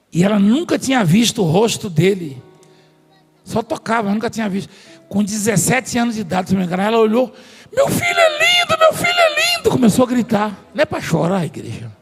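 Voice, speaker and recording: Preaching in a large church hall, a man with a high-pitched, creaky and slightly rough voice tells stories and trades jokes with the congregation and staff. The recording carries long hall reverb and faint music.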